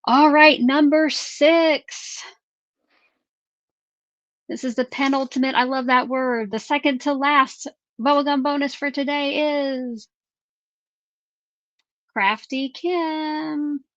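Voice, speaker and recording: A woman's voice: high-pitched, little pitch movement, moderate pace, a bit bright, no echo. Cheery woman doing a craft livestream, reading out names and questions, dry kinda muffled sound. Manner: upbeat, reads viewer names and questions aloud. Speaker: craft live stream host. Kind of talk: casual live-stream chat.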